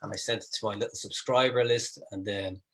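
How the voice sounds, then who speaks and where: Male comedian, animated storyteller, bright tone, mimics others, casual livestream chat. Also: lowish voice, brisk.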